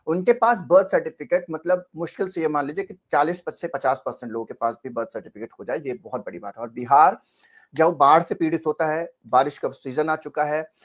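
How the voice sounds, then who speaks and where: Male news commentator, raised pitch, earnest and questioning, halting delivery with restarts. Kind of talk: spoken political commentary to camera.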